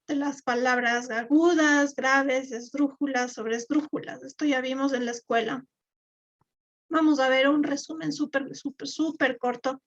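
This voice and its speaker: High-voiced woman teaching spelling. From Ecuador. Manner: explanatory, with fillers and repeated words. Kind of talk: live online class. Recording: dull lo-fi.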